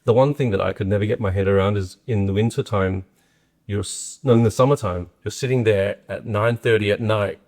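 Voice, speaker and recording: An Australian man in his forties hosts a podcast in a casual interview chat, scattering fillers and tag questions throughout. His lowish voice is steady, brisk, and slightly mellow.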